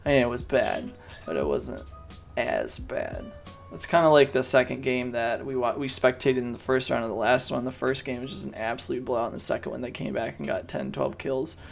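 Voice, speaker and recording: A man's voice: medium pitch, a little fast, vocal fry, faint music behind. A man hosting and commentating a gaming tournament stream, chatty and joking with the live chat.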